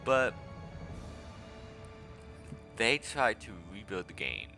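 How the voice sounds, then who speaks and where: A man with a deep, low voice and a bright, forceful edge, talking through his strategy game footage in a chatty, rambling way. Faint music plays underneath. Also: big pitch swings, takes it slowly, creaky. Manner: chatty, rambling, self-aware asides. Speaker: gaming video host. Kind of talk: casual gameplay commentary.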